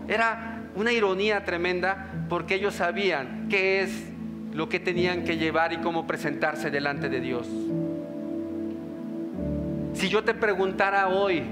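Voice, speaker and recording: High bright preacher in a reverberant hall. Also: male voice. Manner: asks the congregation rhetorical questions. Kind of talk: sermon. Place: church hall. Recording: music under long church reverb.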